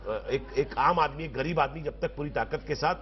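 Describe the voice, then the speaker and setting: A man arguing as a political panelist in a televised debate, speaking forcefully in long rhetorical sentences. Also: on the high side, normal speed. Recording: slightly dull TV broadcast audio.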